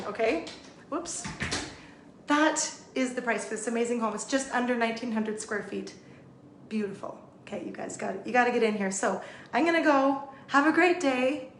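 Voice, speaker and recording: A real estate agent giving an enthusiastic live walkthrough tour of a house and talking straight to her viewers while she walks around with a phone. Her voice is going a little hoarse. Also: on the high side, slight background noise. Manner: bubbly, enthusiastic, addresses viewers directly. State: losing her voice. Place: indoors and outdoors at a house. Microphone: phone held while walking.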